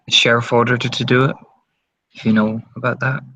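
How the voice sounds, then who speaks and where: A man's voice: medium pitch, level tone, fairly quick, sharp tone, no echo. A man voicing a sly young vampire woman who plays sweet and innocent with her father. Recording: dull lo-fi recording.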